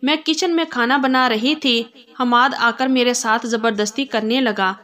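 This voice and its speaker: A woman's voice: a little high, steady tone, fairly bright tone, lightly acted. A woman voicing an angry young woman who refuses a marriage, speaking sharply and defiantly.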